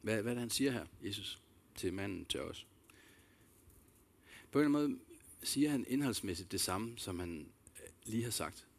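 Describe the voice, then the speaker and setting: A man's voice: lowish voice, animated, gravelly. A man preaching a sermon, earnest and reflective, repeating key phrases and addressing listeners directly with questions. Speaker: pastor.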